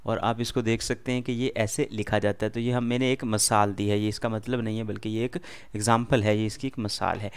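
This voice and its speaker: With Urdu as his first language and an Urdu accent, a man gives a beginner language lesson in a lowish, level, clean voice at a fairly quick pace. He patiently repeats words and quizzes the listener.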